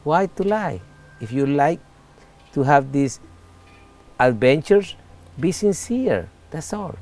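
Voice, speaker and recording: A man's voice: on the high side, very animated, darkish tone. Candid Salvadoran man in his forties. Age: 40s. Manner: earnest, candid, halting non-native English. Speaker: interviewee. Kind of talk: casual interview talk.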